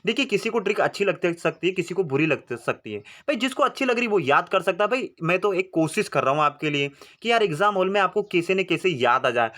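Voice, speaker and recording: A man's voice: sits high, big pitch swings, brisk, hardly any pauses, pushed and bright. A young man, teaching exam memory tricks in a chatty, coaxing way, repeating points and asking rhetorical questions. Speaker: exam-prep tutor and channel host. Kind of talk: informal teaching to camera.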